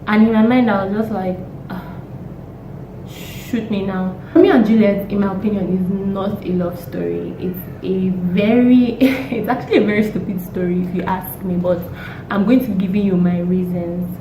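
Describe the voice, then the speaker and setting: A young woman, hoarse from a cold, chatting casually and emphatically as a vlogger with exasperated rhetorical questions. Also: mid-range voice, fairly even intonation, fairly quick. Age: young adult. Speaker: YouTube vlogger. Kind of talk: casual opinionated chat. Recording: roomy echo, distant mic, faint noise.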